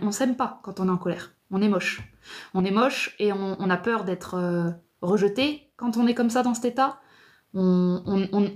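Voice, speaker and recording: Woman doing a live therapy talk, slow, repeats herself, goes almost whispery, normal pitch. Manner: slow, repetitive, drops to near whisper. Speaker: psychotherapy speaker.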